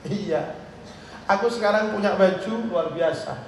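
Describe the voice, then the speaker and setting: A male preacher takes on a serene woman in paradise, speaking gently and gratefully. The tinged voice sits high and rings with long reverb, picked up far from the loudspeakers. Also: a little slow, a little hiss or hum. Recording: echoey loudspeaker sound from far off.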